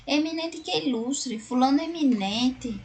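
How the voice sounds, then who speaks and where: Brazilian woman teaching, gravelly tone. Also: high voice, expressive, measured pace, darkish tone, a little hiss or hum. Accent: Brazilian Portuguese. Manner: explanatory, frequent tag questions. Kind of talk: recorded online class.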